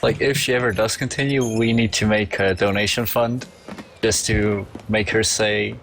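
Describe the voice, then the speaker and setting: A man's voice: lowish voice, steady tone, normal speed, gravelly, a bit bright, a little hiss or hum. A man chatting casually and making teasing jokes as a co-commentator. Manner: jokey, teasing. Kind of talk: casual chat.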